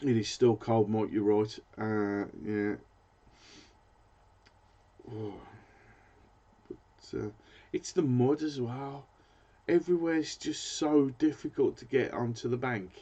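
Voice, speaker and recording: A man's voice: mid-range voice, takes it slowly, pauses often, mellow. A British man hosting a fishing channel, chatting casually in a live stream and rambling as he hunts for words. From Britain. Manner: rambling, hesitant, searches for words. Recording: dull lo-fi sound.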